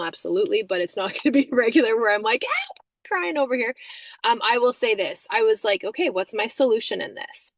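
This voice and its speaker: A woman's voice: medium pitch, no room sound. A woman leading a team video call, giving a casual motivational talk full of "like" and "um". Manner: chatty, many fillers like "like" and "um". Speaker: team leader.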